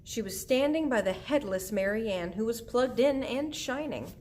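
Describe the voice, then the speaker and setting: A woman narrating a children's book aloud in a gentle, even storytelling manner. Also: fairly high pitch, moderate pace, slight background noise. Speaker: audiobook reader.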